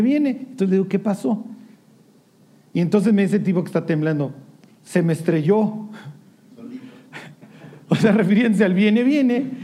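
A man with a Mexican Spanish accent preaching in a conversational style, telling a personal story, often clearing his throat and poking fun at himself. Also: high voice, mellow. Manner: chatty storytelling with throat clearing and self-deprecating humor.

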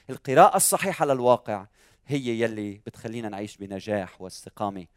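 A man preaching a sermon. He asks rhetorical questions and moves from loud peaks to soft asides. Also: mid-range voice, clean tone, dry recording, clean studio sound. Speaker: pastor.

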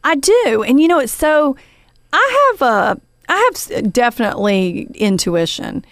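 A woman's voice: sits high, sing-song, unhurried, a bit bright, no room sound, clean studio sound. A woman hosting a podcast, telling a story in a casual, chatty way with lots of fillers and the odd "honey" for her guest. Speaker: podcast host.

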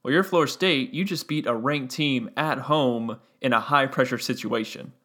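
A young man with a slightly gravelly, mid-range voice hosts a solo sports podcast at a normal speed. He breaks down the game loosely and analytically, thinking aloud and dropping in fillers.

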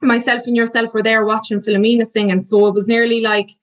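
A woman podcast host with a west of Ireland accent and a fairly high voice. She talks in a chatty, conversational interview style. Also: level tone, fast.

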